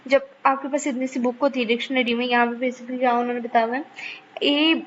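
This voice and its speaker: A woman's voice: a little high, flat delivery, a little fast, dull audio, slight background noise. A woman teacher, explaining a lesson to students and checking in with them again and again. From Pakistan. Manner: keeps checking in with the class, repeats points patiently. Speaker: online course teacher.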